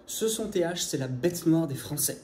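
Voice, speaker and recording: A man teaching in a lively video lesson, rushing through points and speaking straight to his viewer. His voice is mellow and dark, and it rings in an echoey room with a faint hum of ambience behind it. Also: on the high side. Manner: lively, fast, direct to viewer. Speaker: English teacher.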